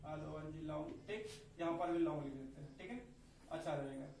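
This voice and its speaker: A man's voice: a little high, fairly even intonation, a little fast, a little mellow. A man teaching a classroom lesson, often asking the class questions and repeating them. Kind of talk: classroom lesson with call-and-response. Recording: echoey room, voice from far off.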